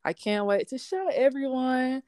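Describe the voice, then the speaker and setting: A young woman talks in a relaxed, slangy and candid way, telling stories with lots of energy. Her voice is smooth and clear. The recording is close and dry. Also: high voice, unhurried, no echo. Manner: candid, slangy, animated storytelling. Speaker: sports podcast host being interviewed. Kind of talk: casual interview.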